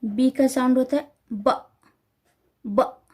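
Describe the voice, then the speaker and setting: A woman teaching letter sounds to parents, repeating each sound carefully and slowly. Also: high-pitched, fairly even intonation, mellow. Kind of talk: slow instructional explanation.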